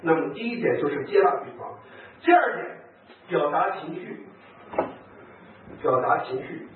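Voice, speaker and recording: Animated priest, distant echoey hall. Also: male voice, on the high side, a little slow, narrow, tinny audio, slight background noise. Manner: animated storyteller, acts out quoted speech, chuckles. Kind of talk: lively talk with anecdotes to priests and nuns.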